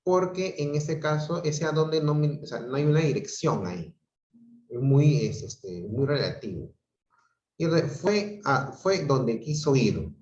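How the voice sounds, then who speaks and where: A man's voice: on the high side, sing-song, measured pace, a little mellow. A male teacher giving an online grammar class, explaining step by step and checking in with his students often. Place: home room on a video call. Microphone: video call microphone. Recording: roomy, dull video call audio.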